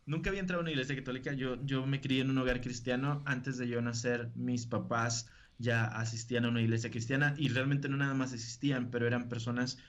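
Man, northern Mexican accent, chatty interview guest, mid-pitched voice. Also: steady tone, fast talker. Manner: chatty, laughs often. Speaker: guest, preacher. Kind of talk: casual interview talk.

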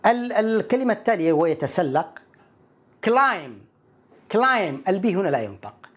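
A woman teaching English pronunciation, repeating each word slowly and clearly so learners can copy it. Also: mid-range voice, sing-song. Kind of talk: pronunciation lesson with repetition drills.

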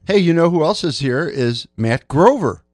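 A man's voice: a little high, animated, moderate pace, no echo, clean studio sound. A man hosting a sports radio show with casual, conversational chat. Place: radio studio.

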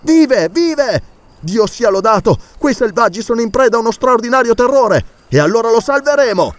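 A man's voice: medium pitch, very animated, unhurried, no room sound. A man reading an audiobook, voicing a bold doctor who leads a balloon expedition and gives orders. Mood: urgent. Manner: urgent, commanding shouts.

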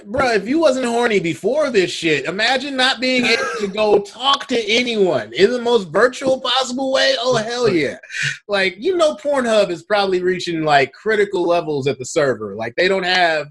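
A man's voice: sits high, lively intonation, moderate pace, a bit bright. A man co-hosting a casual podcast over a video call, talking in a wry, profane, sarcastic way. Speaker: podcast co-host.

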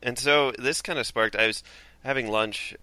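A man's voice: mid-range voice, normal speed, sharp tone, no echo. A man from Minnesota with a Minnesotan accent, chatting casually on a podcast, rambling and laughing often.

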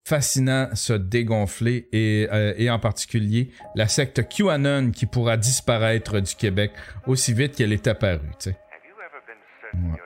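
A man with a Québécois French accent hosting an online show, ranting with profanity and heavy sarcasm. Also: medium pitch. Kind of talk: sarcastic live-stream commentary.

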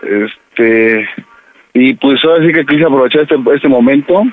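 A man's voice: medium pitch, measured pace, narrow, tinny audio. A man on a radio prank call, hesitant and stammering as he pleads to be accepted. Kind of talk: prank call, playing a nervous son. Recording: radio broadcast with music behind.

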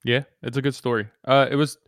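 A male podcast co-host talking in a measured, thoughtful, easygoing way. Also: mid-range voice, flat delivery, no room sound, studio quality. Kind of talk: casual podcast conversation.

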